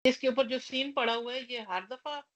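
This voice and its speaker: A woman's voice: high-pitched, normal speed, muffled recording. A woman student in an online Quran lesson who asks short questions and mostly answers with brief agreement.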